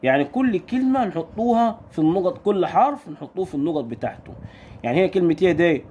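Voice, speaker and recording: A male teacher with an Egyptian accent walks small children through their letters. His fairly high voice rises and falls a lot, drawing the letter sounds out slowly and snapping out quick questions. A faint noise sits under the recording. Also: animated, a little mellow, lo-fi sound. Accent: Egyptian Arabic. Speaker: primary school Arabic teacher. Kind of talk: recorded lesson for young children.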